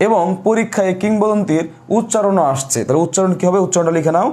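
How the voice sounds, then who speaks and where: Man, grammar teacher, slightly high voice, repeats answers, corrects himself aloud. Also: fast, darkish tone. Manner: repeats questions and answers for students to note down; self-correcting, thinks aloud. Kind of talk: online class lecture.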